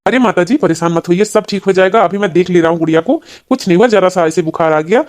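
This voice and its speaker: A woman's voice: on the low side, quick pace, darkish tone, natural voice. A woman voicing a stern, middle-aged male village doctor in a cartoon, scolding yet reassuring. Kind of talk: cartoon voice acting.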